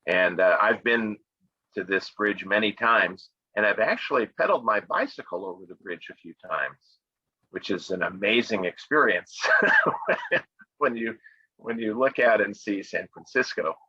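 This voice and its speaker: A middle-aged man from the United States, his voice lowish and unhurried, presents travel spots casually to an online English conversation club on a video call. He is clear, relaxed and friendly, with fillers and laughs, and the dull lo-fi call audio has no room sound.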